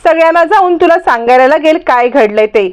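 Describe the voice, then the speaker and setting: A woman reading the lines of a calm young bride who reassures and directs others firmly. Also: sits high, fairly quick, highs cut off. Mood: reassuring. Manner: reassuring, firm.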